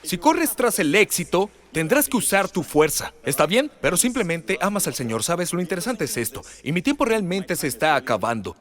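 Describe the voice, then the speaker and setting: A middle-aged man preaching a sermon as pastor, animated and rising loud for emphasis. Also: high voice, normal speed, few pauses.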